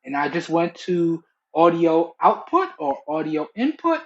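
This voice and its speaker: A man's voice: on the high side, very animated, unhurried. A young man talking casually and emphatically to camera as a product reviewer, checking in often, recorded through a Bluetooth earbud microphone. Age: young adult. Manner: chatty, emphatic, checking in with "okay" and "all right". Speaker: tech reviewer and channel host. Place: small room indoors. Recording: muffled lo-fi Bluetooth headset mic.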